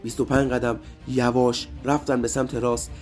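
Man telling a war story to children. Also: mid-range voice. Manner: lively, addressing children directly. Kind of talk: storytelling narration. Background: faint music.

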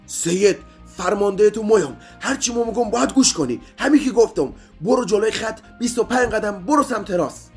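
A man's voice: on the high side, darkish tone, faint music behind, lightly acted. A man voicing a stern, confident male war commander who gives firm orders. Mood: commanding. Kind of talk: storybook character voice.

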